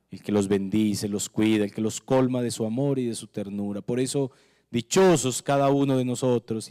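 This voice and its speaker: A man in his forties with a Colombian Spanish accent, a priest leading Mass with solemn, measured recitation into a handheld microphone in a small chapel. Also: on the low side, a little mellow, clear, resonant tone. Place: small chapel with altar flowers. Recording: long chapel reverb.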